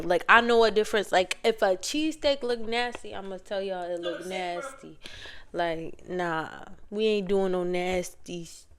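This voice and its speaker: A woman with a Philadelphia accent hosts a reaction video in an informal, slangy way. Her pace is slow and her pitch sits in the middle. The recording has noticeable background noise and clicks. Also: fairly bright tone. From Philadelphia area, USA. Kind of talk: casual reaction commentary.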